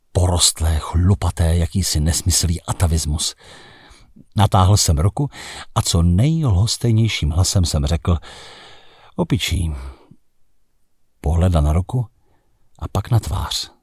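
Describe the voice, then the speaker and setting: A man narrating a first-person literary story in a measured, reflective way that turns dramatic in heated passages. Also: low voice, darkish tone, husky, no room sound, clean studio sound.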